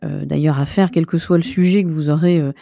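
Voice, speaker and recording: A woman's voice: low-pitched, fairly even intonation, brisk, gravelly, warm tone, dry recording, studio quality. A woman giving a pompous mock-academic lecture, piling up lofty jargon and getting carried away. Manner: lecturing the viewer directly. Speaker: self-styled linguistics researcher. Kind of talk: mock-academic comic monologue.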